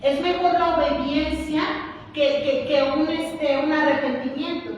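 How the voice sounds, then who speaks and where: Woman preacher, high voice, lively and humorous; echoey church hall, mic far off. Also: unhurried, a little hiss or hum. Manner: lively, humorous, acts out little scenes. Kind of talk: sermon.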